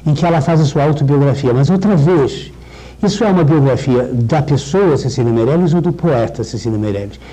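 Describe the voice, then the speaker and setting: A middle-aged man giving a literature lecture, talking in a rambling, discursive way with restarts and slowing down to recite verse. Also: on the high side, warm tone, slightly rough, rough recording. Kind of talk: literature lecture with poem readings.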